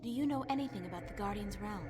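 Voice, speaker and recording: A woman's voice: mid-range voice, very fast, lightly acted. A woman playing an earnest young human heroine in a scripted video game, asking questions. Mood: earnest, curious. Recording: clear background noise.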